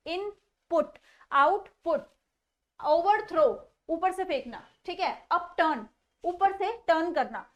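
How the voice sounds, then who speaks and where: High-voiced woman teaching grammar. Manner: mixes Hindi explanation with slow deliberate English. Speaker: English teacher. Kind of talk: online grammar lesson.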